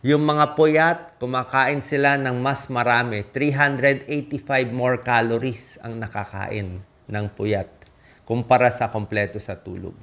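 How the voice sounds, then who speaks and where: A man's voice: medium pitch, steady tone, measured pace, a bit bright. A man from the Philippines, a doctor giving health tips in a casual, emphatic talk, often checking in with his listeners. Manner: punchy, emphatic list-giving with frequent "di ba?" checks.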